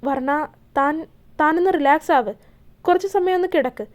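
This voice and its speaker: A woman voicing a young husband in a romance audio story, speaking slowly and reassuringly. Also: high-pitched, natural voice. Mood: gentle. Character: young husband, calm and caring, scornful to enemies.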